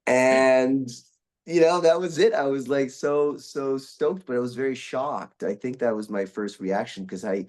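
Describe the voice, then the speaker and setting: A young Brazilian man, a guest voice actor, chats in a casual interview with a medium-pitched, darkish voice at a measured pace. He rambles, often restarting sentences and using plenty of fillers.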